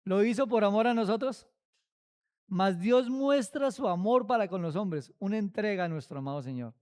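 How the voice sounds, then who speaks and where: A man preaching at a Bible study. He speaks slowly and with emphasis, asking many rhetorical questions. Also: sits high, a little mellow.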